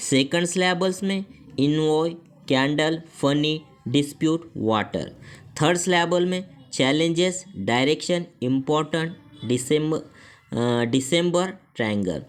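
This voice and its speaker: A teacher with an Indian accent takes an online English class at a very unhurried pace. Each English definition is read out slowly and word by word, then explained again in Hindi, with a middle-pitched voice.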